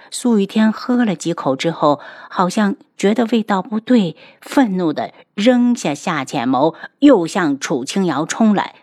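A woman narrating a martial-arts web novel in a steady, unhurried storytelling manner. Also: medium pitch, dry recording, clean studio sound. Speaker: audiobook narrator.

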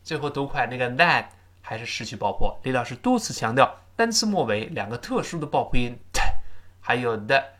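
A man teaching a spoken English lesson. He explains points, then reads English phrases aloud slowly and repeats them to drill pronunciation. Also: medium pitch, expressive, fairly bright tone. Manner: switches between explaining and reading aloud.

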